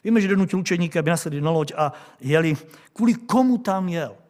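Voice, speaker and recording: A man's voice: high-pitched, expressive, darkish tone. A male preacher delivering a sermon, questioning his congregation with rhetorical questions.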